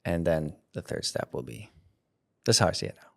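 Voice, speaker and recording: Speaking fairly quickly, a content creator in his thirties guests on an interview using a studio mic and headphones. His voice sits low, gravelly and fairly bright, and he's expressive, rambling casually, restarting his sentences and laughing a lot.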